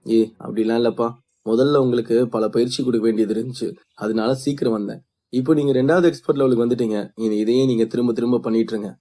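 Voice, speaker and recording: A man voicing a calm, kind young male trainer who talks in a reassuring, instructive way. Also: medium pitch, fast talker, close to an everyday voice.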